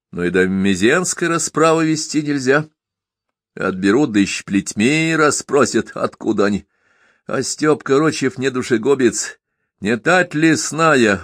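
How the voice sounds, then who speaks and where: A man narrating a historical novel as an audiobook in an even storytelling manner. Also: mid-range voice, no echo, studio quality.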